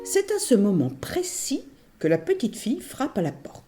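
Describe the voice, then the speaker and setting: A woman storyteller telling a children's tale in an animated, playful way. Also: fairly high pitch, moderate pace, music in the background.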